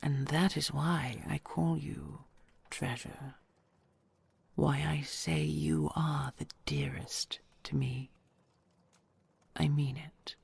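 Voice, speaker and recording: In this intimate romantic audio roleplay, a woman plays a tender, possessive ancient dragon queen, using a very deep, exaggerated voice. Her hushed, breathy whisper carries formal, archaic wording, and the audio has no echo.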